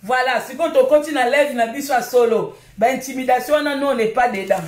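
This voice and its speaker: A Congolese livestream host with a high, slightly mellow voice fires off a combative rant at a fairly quick pace. She scolds and insults her critics in a Congolese French accent, her voice ringing around an echoey room.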